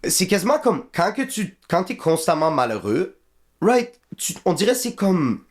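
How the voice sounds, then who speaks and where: A man's voice: high-pitched, big pitch swings, normal speed. A man from northern Iraq, chatting casually as a podcast guest and mixing in English slang. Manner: laid-back, mixes French and English slang.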